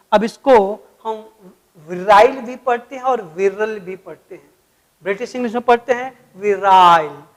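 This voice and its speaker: A man's voice: high-pitched, rough recording. Patient man teaching vocabulary. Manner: patient, addresses viewers as friends, spells words letter by letter. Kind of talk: explanatory video lesson.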